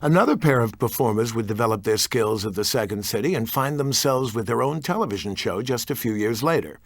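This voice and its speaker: A man's voice: mid-range voice, expressive, fairly quick, no room sound. Older man narrating, dry studio. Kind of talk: scripted narration.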